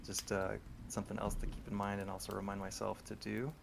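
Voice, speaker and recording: A man running a tabletop horror game over group voice chat, talking in a relaxed, rambling way with many ums. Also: lowish voice, quick pace, vocal fry, background noise. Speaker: game master.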